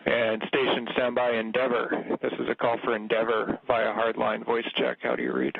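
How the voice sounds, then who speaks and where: Gravelly man on a tinny radio link. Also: medium pitch, little pitch movement, no echo. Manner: measured, uses clipped radio phrasing. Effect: radio transmission. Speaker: mission control communicator. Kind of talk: procedural radio communication. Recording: narrow tinny radio link, roomless dry sound.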